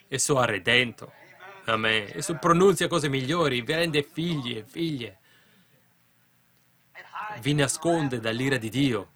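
A man preaching a sermon with fervent delivery, rising to loud declarations and dropping to quiet asides to the congregation. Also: mid-range voice. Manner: keeps asking the congregation "capite?".

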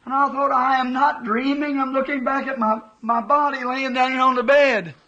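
A preacher man tells of a vision with fervor, his speech folksy and unpolished. His voice sits very high for a man and comes out bright, and he takes his time between phrases. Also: fairly even intonation, a little slow, muffled recording. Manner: fervent storytelling with folksy grammar. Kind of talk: sermon recounting a vision.

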